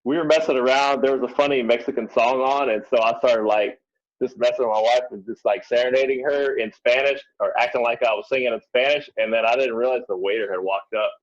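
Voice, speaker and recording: A man telling stories as a guest on a podcast, in a relaxed, easygoing way. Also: medium pitch, a little fast. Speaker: podcast guest, real estate investor. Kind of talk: casual interview chat. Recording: dull lo-fi sound.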